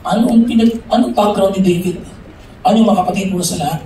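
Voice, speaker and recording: High-voiced Filipino preacher in echoey hall. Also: male voice, a little fast. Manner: shouts and sings phrases, switches between Tagalog and English. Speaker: youth conference preacher. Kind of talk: sermon. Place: large hall with an audience. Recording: echoey hall from far off, loud crowd and noise.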